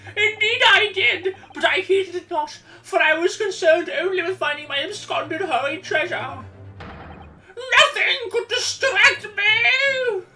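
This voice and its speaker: Woman putting on a high, theatrical, fretful old man. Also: animated, pushed and bright, far from the mic, soft background music, heavily acted, rough recording. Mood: indignant. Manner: theatrical, drawn-out, archaic inverted phrasing. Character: eccentric, fretful old man, antique trinket dealer. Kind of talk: video game character dub.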